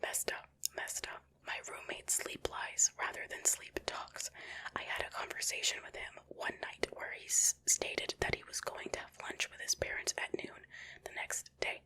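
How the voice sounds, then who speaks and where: A woman's voice: moderate pace, pushed and bright, poor audio. A woman whispering an ASMR reading, reacting casually with lots of "like" and "um". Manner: casual, chatty reactions full of "like" and "um". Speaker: ASMR channel host.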